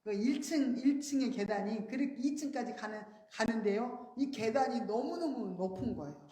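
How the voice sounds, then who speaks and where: A woman preaching a sermon, telling a story earnestly and rising high on her emphasized words. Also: expressive, normal speed, mellow, echoey room. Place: church sanctuary.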